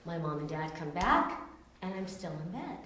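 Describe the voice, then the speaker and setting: Born in Taiwan and raised in California, this woman tells her personal testimony earnestly and candidly, like a story. Her low-leaning voice is fairly bright and swings widely in pitch at a moderate pace, heard through a distant mic in a very echoey room with faint noise.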